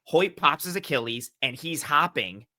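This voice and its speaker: A man's voice: fairly high pitch, normal speed, dry recording, clean studio sound. A man analyzing football as a guest on a casual sports podcast, telling stories animatedly and acting out what others said. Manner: animated storytelling with quoted voices.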